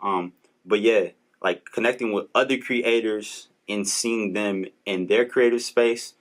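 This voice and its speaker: A young man hosts a podcast in a casual motivational talk, his voice sitting low. He speaks, earnest and preachy, stumbling and restarting as his thoughts rush ahead. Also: fairly even intonation, measured pace. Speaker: podcast host. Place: Los Angeles.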